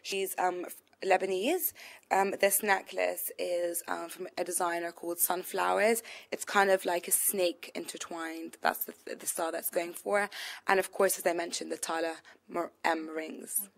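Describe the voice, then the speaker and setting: A woman's voice: lowish voice, little pitch movement, normal speed, creaky. A young woman, a shop co-founder answering interview questions casually with many "um" and "like" fillers. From London. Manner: chatty, full of "um" and "like" fillers. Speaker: e-boutique co-founder and buyer.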